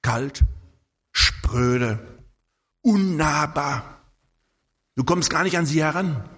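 An older man preaching a sermon, telling stories in a lively way and often tagging his sentences with a questioning "right?". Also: on the high side, extremely slow, husky, big-room sound. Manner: lively storytelling with frequent tag questions.

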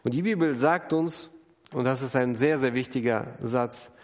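A man's voice: medium pitch, moderate pace. A man preaching an earnest, emphatic sermon, acting out the people he quotes. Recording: long hall reverb.

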